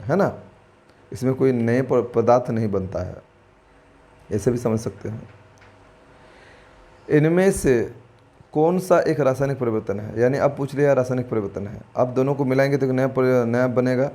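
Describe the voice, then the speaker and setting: A male teacher works through exam questions in a chatty, informal way. He talks to viewers like friends, thinks out loud and corrects himself as he goes. He drops English terms into his explanations, in a voice of middling pitch. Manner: thinks aloud and corrects himself mid-answer. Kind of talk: exam-prep lesson walking through quiz questions.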